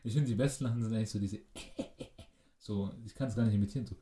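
A man's voice: on the low side, racing, dark tone, echoey room, slight background noise. A man chatting casually, tossing in dry jokes. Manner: dry, joking quips. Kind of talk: casual chat.

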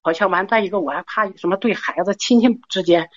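A woman's voice: mid-range voice, fast talker, no room sound, dull audio. A middle-aged woman, calling in to an advice show and rambling nervously with many restarts. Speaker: caller. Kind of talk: call-in advice talk.

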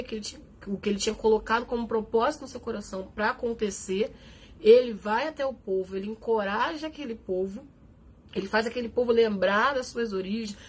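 A woman's voice: on the high side, darkish tone, a little hiss or hum. Earnest Brazilian woman preaching a live sermon. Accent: Brazilian Portuguese. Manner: earnest, encouraging, acts out quoted voices. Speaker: worship minister preaching.

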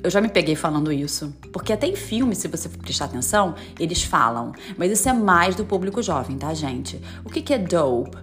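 Woman, podcast teacher, lowish voice, casual chatty delivery, faint music underneath. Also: sing-song, brisk, hardly any pauses. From Brazil. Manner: chatty, frequent tag questions, drops into English examples. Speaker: podcast host teaching English slang. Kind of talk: casual explanatory lesson. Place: lives in the United States.

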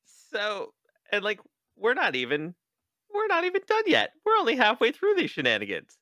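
A man hosting a podcast, casually recapping a book in an animated, joking way, cursing freely and acting out quoted lines. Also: extremely high pitch, moderate pace, no room sound. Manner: animated, profane, joking, with exaggerated quoted voices. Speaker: podcast host.

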